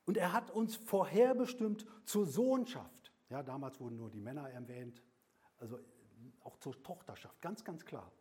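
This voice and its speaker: Older guy preaching slow, voice rises loud then drops to a whisper, kinda high and very animated. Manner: swings between loud emphatic and soft whispered passages; slow, deliberate delivery with repeated phrases. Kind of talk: sermon.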